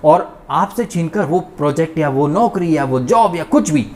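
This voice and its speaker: Guy ranting a show review, kinda higher voice, fired up and mocking. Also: animated, moderate pace. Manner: indignant, ranting, mocking impressions. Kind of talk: opinionated commentary monologue.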